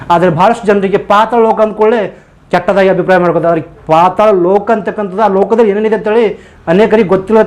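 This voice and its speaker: A man preaching with a notably high voice. He talks earnestly, often putting questions to his listeners, and then leads them in prayer. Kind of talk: sermon ending in prayer.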